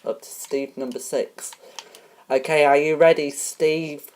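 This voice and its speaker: Very low, slow-talking woman hosting a homemade quiz. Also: fairly even intonation, a little mellow. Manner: halting, many ums and restarts. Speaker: game show host. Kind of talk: homemade game show parody.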